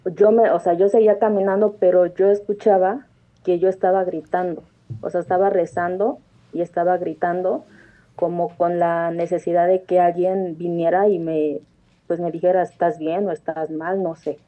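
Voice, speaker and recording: A woman's voice: on the low side, flat delivery, moderate pace, mellow. A woman, calling in to tell a personal story earnestly, rambling with frequent restarts. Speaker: caller. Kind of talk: telling a personal story on a phone-in show. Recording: tinny phone line.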